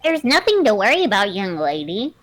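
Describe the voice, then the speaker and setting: Squeaky, high cartoonish judge. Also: female voice, sing-song, fairly quick. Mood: genial. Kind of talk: amateur video game dub. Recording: music behind the voice.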